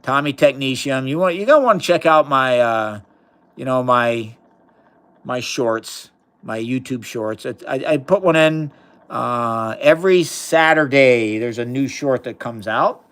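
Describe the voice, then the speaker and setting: A man's voice: mid-range voice, measured pace, a bit bright, smooth. A man hosting a live chemistry demonstration, explaining experiments casually and enthusiastically while reading viewer chat aloud. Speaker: science livestream host.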